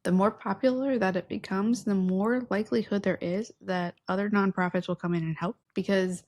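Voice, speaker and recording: Earnest, enthusiastic and a self-described nerd, this thirtysomething podcast co-host talks casually into a studio mic on a stand, headphones on. Her medium-pitched voice holds a steady tone at normal speed and sounds a little mellow, in a room with patterned wallpaper.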